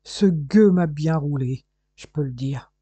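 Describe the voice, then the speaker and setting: A man reading a gruff, curt police detective who grumbles in a storybook reading. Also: a little high, takes it slowly, dark tone, dry recording. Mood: grumbling. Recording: dull lo-fi recording.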